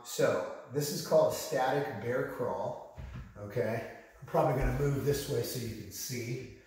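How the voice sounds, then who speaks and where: A man coaching viewers through simple exercises in a relaxed, encouraging way, often checking in with "okay?" while he moves around demonstrating them. He is recorded in a big empty room with bare floors and no furniture, so his voice echoes heavily. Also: medium pitch. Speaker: fitness coach. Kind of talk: casual instructional talk. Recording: heavy room echo, voice far from mic.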